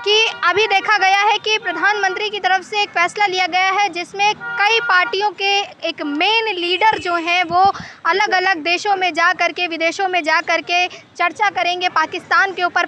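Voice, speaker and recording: A woman field reporter doing street interviews and asking brisk, pointed questions. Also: very high-pitched, sharp tone. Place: outdoors on a city street.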